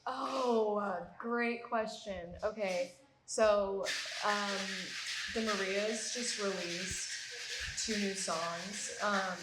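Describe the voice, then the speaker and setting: A young woman musician answering interview questions in a chatty, relaxed way, with lots of ums. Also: mid-range voice, extremely slow, very noisy. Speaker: musician guest. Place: art bar event space. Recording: roomy live venue.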